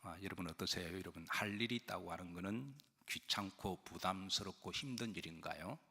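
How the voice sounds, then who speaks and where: Deep husky pastor with hall reverb. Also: male voice, brisk, pushed and bright. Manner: explains with questions to the congregation and acted quotes. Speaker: senior pastor. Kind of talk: conversational sermon. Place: church sanctuary. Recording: long church hall reverb.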